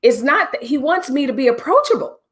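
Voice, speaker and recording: Her high-pitched, sing-song voice moves briskly as the middle-aged woman hosts a livestream. She speaks casually and straight to viewers, adding preachy asides.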